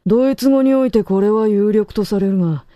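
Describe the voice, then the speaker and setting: A stern co-host lays down verdicts in short, clipped sentences. The voice is very dark and mellow, recorded dry and close. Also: mid-range voice, brisk, no echo. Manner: stern, lecturing, clipped declaratives. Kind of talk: terse authoritative pronouncements.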